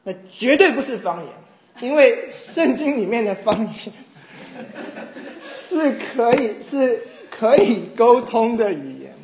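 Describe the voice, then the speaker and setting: A middle-aged man from Taiwan preaching a sermon, telling a personal story with animated mimicry of others. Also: high-pitched. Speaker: pastor. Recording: echoey room with faint ambience.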